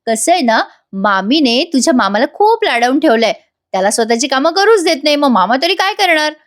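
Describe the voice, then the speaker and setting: A woman's voice: high voice, big pitch swings, brisk. A woman voicing a pampered young husband who talks in a teasing, playful way.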